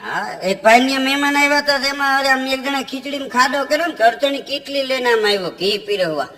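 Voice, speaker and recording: High, bright-voiced folk storyteller, man. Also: long reverb tail. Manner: chuckles through punchlines, chants verses slowly. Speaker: folk comedian. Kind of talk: Gujarati folk storytelling with jokes.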